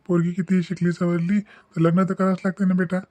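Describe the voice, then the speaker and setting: A man voicing a worried, tearful village father, speaking slowly and solemnly in a cartoon. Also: high voice, monotone, dark tone, no echo, close to an everyday voice. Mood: tender. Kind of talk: cartoon voice acting.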